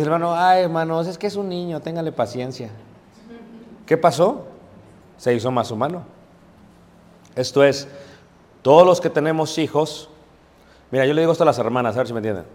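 A man's voice: fairly high pitch, darkish tone. A man preaching a conversational Bible class, informal, with many fillers and check-ins to the audience. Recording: long reverb of a large room.

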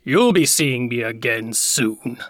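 A woman voicing a sly, menacing male fox in a storybook reading, talking slowly with a slick, sneering manner. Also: a bass voice, lively intonation, no echo, clean studio sound, pitched below the performer's own voice, full character voice.

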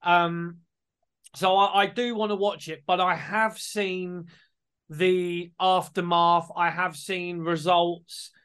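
A man's voice: high-pitched, flat delivery, slow pace, a bit bright, clean tone. A man co-hosting a casual chat, talking in a hesitant, rambling way and swearing casually. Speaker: podcast co-host.

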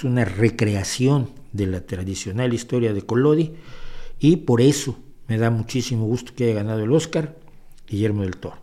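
Mellow-voiced Mexican man, animated storyteller. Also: medium pitch. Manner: animated, storytelling, piles up emphatic superlatives and restarts. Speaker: podcast host answering listener questions. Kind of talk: live chatty Q&A monologue.

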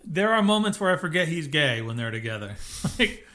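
Bright-voiced man recapping a show. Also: a little high, moderate pace. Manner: rambling, self-correcting, animated. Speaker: podcast co-host. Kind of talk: casual chat recapping a TV episode.

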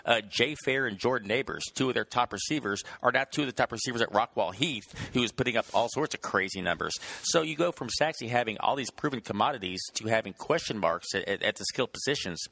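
A man's voice: medium pitch, lively intonation, quick pace, gravelly, few pauses, pushed and bright. A man giving casual sports analysis as a podcast panelist. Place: newsroom hallway.

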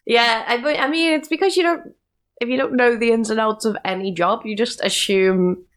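A woman's voice: a little high, normal speed. A woman co-hosting a podcast, chatting casually and telling everyday anecdotes. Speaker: podcast co-host.

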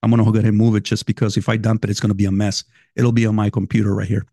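A man's voice: lowish voice, little pitch movement, very fast, vocal fry, warm tone, no echo, clean studio sound. Salvadoran-accented man hosting a podcast. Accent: Salvadoran Spanish. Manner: loose, chatty, swears casually, talks straight to listeners. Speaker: podcast host. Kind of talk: casual podcast monologue. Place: at a desk by his computer.

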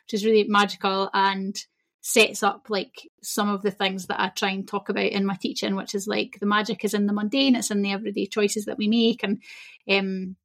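A woman's voice: mid-range voice, a little fast, vocal fry. Chatty Scottish woman guest. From Scotland. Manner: chatty, laughs easily, animated bursts. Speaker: guest, shamanism teacher. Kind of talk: casual interview chat.

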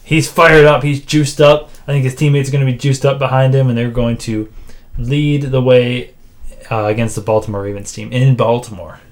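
A man co-hosting a casual sports podcast, making game picks in a dry, self-described monotone with frequent filler words. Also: medium pitch, normal speed. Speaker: podcast co-host.

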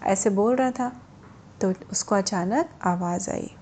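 A woman's voice: mid-range voice, takes it slowly, a little hiss or hum. A woman telling a story to children, speaking to them directly and expressively. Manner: expressive, addresses listeners as children.

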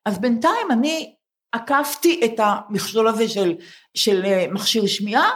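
A woman in her seventies, a podcast co-host, chatting with wry, teasing humor before a live audience. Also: a little high. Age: 70s.

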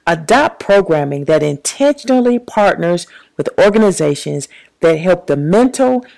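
A woman in ministry, a podcast co-host, reading a prepared commentary with measured, preacherly emphasis. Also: lowish voice, animated, creaky, a little mellow, low-quality recording. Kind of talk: prepared commentary, read aloud.

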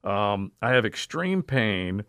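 A man's voice: fairly low pitch, sing-song, fairly bright tone, clear, resonant tone, dry recording. A man hosting a sports radio show, telling stories and jokes in a casual chat. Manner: jokey, storytelling, quick bursts. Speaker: sports radio host and golf announcer.

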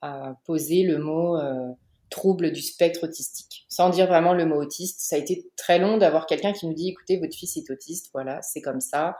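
A woman from the Paris region in her thirties, telling her family story as a podcast guest, with frequent pauses and fillers. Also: low voice, dark tone, echoey room. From Paris region, France. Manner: hesitant, many "euh" fillers and restarts. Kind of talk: podcast interview, personal testimony.

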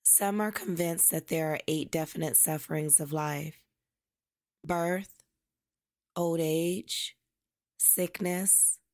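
A woman giving a reflective guided meditation in slow, deliberate, measured phrases, as its host. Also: sits low, steady tone, darkish tone, no echo, clean studio sound.

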